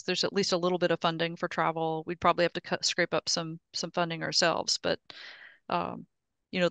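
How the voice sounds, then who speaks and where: A woman's voice: on the low side, creaky, fairly bright tone, clean tone, dry recording. A middle-aged woman on a video call through a headset mic, giving a casual technical update and explaining step by step with frequent restarts. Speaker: project presenter at an engineering meetup. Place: home office on a video call.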